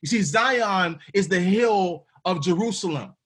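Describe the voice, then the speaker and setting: A man's voice: high voice, a little slow, a bit bright, breathy edge. A man teaching a podcast Bible study in a casual, emphatic way, with slang and repeated words.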